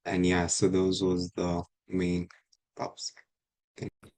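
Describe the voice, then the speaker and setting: A young man from Kenya speaks on a panel with a very low voice. His tone is mellow. He hesitates often with fillers. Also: monotone, slow. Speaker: undergraduate student panelist. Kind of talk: panel answers. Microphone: video call.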